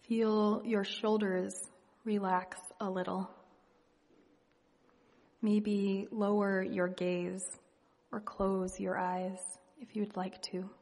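A woman leading a guided meditation and reading reflective poetry in a hushed, gentle, unhurried manner with long pauses. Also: mid-range voice, level tone. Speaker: meditation leader. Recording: long reverberant hall echo.

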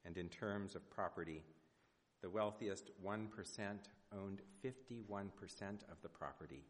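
A man preaching a prepared sermon, speaking in measured, rhetorical phrases with deliberate pauses in a church. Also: deep voice. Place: large indoor church sanctuary. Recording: reverberant church hall.

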